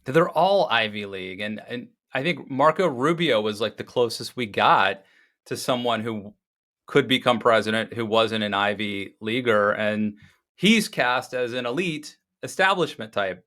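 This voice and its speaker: A man's voice: fairly low pitch, normal speed, pushed and bright. A man from Maryland hosting a podcast interview, asking questions conversationally and stumbling a little as he frames them. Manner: conversational, stammers while forming questions. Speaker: podcast host.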